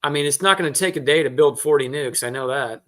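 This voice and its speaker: A man's voice: on the high side, quick pace, fairly bright tone. A man hosting a casual live chat show, rambling and teasing as he reads out viewer comments. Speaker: host.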